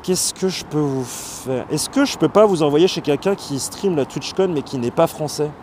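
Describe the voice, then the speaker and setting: A man hosting a live stream, explaining things casually and pausing often on fillers as he reads and answers chat. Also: on the high side, expressive, a little mellow, slight background noise. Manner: explanatory, hesitant, with many fillers. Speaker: livestream host.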